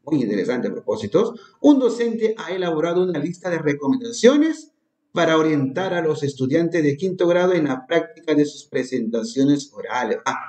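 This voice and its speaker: A man's voice: fairly high pitch, a little mellow. Man teaching in an echoey room. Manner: addresses teachers as "maestro", asks questions and repeats key terms slowly. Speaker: teacher leading an exam prep class. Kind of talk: exam review lesson.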